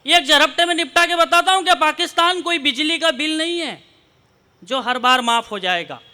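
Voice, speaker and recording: A man from Malwa performs comic poetry on stage. He jokes with the audience and slows down to stress his verse lines. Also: very high voice, pushed and bright. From Malwa, central India. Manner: joking banter with the audience, slow emphatic verse lines. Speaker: poet on stage. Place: poetry gathering stage before a live audience.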